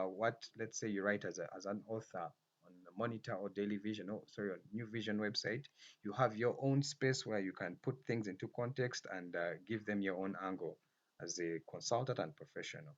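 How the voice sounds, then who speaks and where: A man leading an online class discussion, taking turns and summing up students' points in a measured way. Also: lowish voice, highs cut off. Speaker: lecturer. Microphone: video call.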